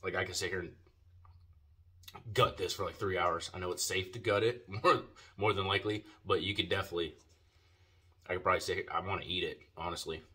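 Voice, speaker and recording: Low and sharp-toned, this man's voice holds steady as he speaks a little fast, broken by long pauses. He's chatting through a casual video product review, slangy, profane and relaxed, his lip packed with dip.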